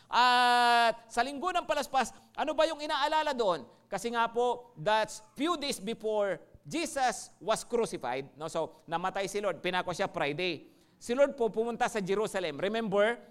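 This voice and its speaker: Filipino pastor, male, high smooth voice, lively sermon delivery with constant questions to the flock. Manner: animated, asks the congregation questions.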